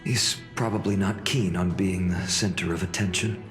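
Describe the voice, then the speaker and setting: A man's voice: sits low, fairly even intonation, normal speed. A young man voicing a game character, joking and easygoing with a friend. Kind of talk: game cutscene voice acting. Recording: roomy with long reverb, faint music.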